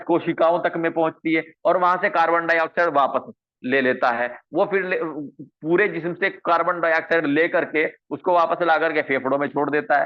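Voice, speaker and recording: Guy teaching a medical class online, keeps repeating stuff and asking questions, tinny phone-ish audio. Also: on the high side. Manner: repeats key terms and asks rhetorical questions. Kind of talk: online coaching lecture.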